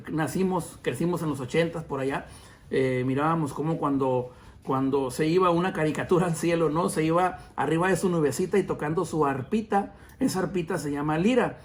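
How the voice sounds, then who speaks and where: A man around forty hosting a podcast, teaching the Bible in a casual, chatty way, with many fillers and self-corrections. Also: on the high side. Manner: addresses listeners as brothers.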